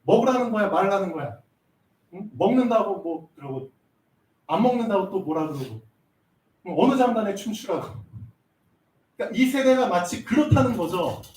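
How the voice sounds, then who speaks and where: A man's voice: high-pitched, animated, moderate pace, pauses often, a little mellow, reverberant, far from the mic, low-quality recording. A male pastor preaching a sermon, often asking his listeners rhetorical questions and stopping for their agreement.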